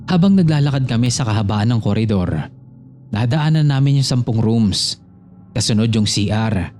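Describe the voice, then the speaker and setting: Guy reading a scary listener story, mellow dark voice, quiet music in the background. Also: on the low side. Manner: storytelling, reads a listener's letter addressed to the host. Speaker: horror story narrator. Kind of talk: scripted horror narration.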